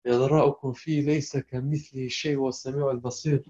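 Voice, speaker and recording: A man's voice: medium pitch, flat delivery, dark tone. Man teaching verses in a dull lo-fi recording. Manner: recites verses then asks students word meanings; halting, non-native English with restarts. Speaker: Quran tafsir teacher. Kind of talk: teaching a class, mixing English and Arabic.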